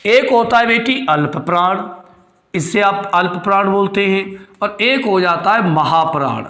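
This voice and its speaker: A man's voice: high voice, expressive, unhurried, bright, forceful tone, reverberant. A male teacher, giving a classroom lecture. He repeats his points, quizzes his students and calls them his kids. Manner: calls students "beti" and "chhote" fondly. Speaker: Hindi grammar teacher.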